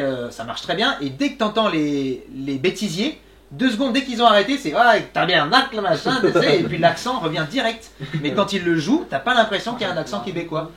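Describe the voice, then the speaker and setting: A man in his thirties, a voice actor answering audience questions in a relaxed, chatty way, laughing often and filling pauses with "euh". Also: a little high, a little hiss or hum. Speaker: voice actor guest. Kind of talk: casual Q&A talk. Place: small workshop room with audience.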